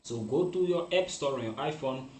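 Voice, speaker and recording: A man's voice: medium pitch, expressive, fairly quick, a little mellow, slight background noise. A man whose first language is Portuguese, chatting casually and rambling about his day with frequent self-mocking laughs. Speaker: forex trading vlogger. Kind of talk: casual chat. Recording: echoey room with faint ambience.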